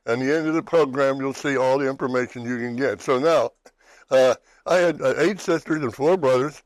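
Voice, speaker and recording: A man from western Pennsylvania, USA, hosts a faith talk show featuring personal testimony chat. He's rambly and keeps restarting, speaking fairly quickly in a mid-range voice, and the recording is dry and rough.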